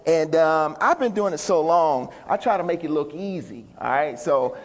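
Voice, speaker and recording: A motivational speaker and musician jokes with his audience during a folksy, upbeat stage talk in a big indoor venue. He speaks at a moderate pace in an animated voice on the high side, with the hall's reverb clearly audible.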